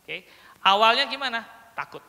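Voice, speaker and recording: A trainer giving a lively workshop lecture to a room of teachers, with a bright, sharp voice. They keep slipping into little acted exchanges between a teacher and a crying child, then check that everyone follows. The voice rings out with a long reverb through a large indoor hall. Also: mid-range voice, normal speed, creaky. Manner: lively, acts out short child and teacher dialogues, often checks understanding.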